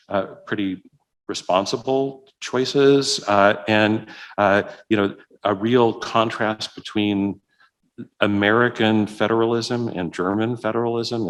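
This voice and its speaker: A man giving a conference keynote and answering questions, speaking hesitantly with many fillers and restarts. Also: on the low side. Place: conference hall.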